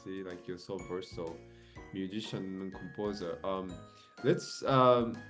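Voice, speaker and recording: Deep-voiced male interviewer from Japan, meandering, filler-heavy delivery. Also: measured pace, music in the background. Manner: rambling, many fillers and restarts. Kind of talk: casual video-call interview.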